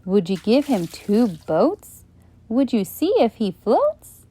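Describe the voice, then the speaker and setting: A woman hosting a children's channel, reading a bedtime story aloud in a gentle, questioning way. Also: on the high side, very animated, takes it slowly, breathy edge. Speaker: storyteller host.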